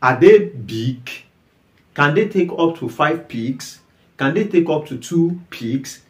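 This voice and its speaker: A man's voice: on the high side, expressive, takes it slowly. A young man with a Nigerian English accent, explaining livestock farming to the camera and asking his viewers many repeated, emphatic questions. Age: young adult. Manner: repetitive questions, emphatic, gestures with hands. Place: small indoor room with bare walls. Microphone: camera at medium distance. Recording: echoey room.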